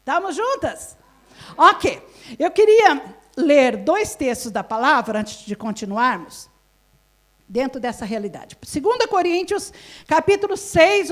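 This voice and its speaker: A woman pastor with a Brazilian Portuguese accent, giving a live sermon at a women's conference. She asks the audience questions and laughs often. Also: high voice.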